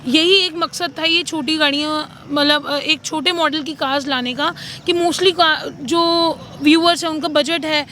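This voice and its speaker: A woman's voice: high-pitched, fairly even intonation, measured pace, few pauses, sharp tone, slight background noise. A woman car dealer presenting stock in a chatty sales style, listing details and switching between two languages. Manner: mixes Hindi and English, lists details. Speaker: used luxury car dealer. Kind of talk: sales presentation in casual chat.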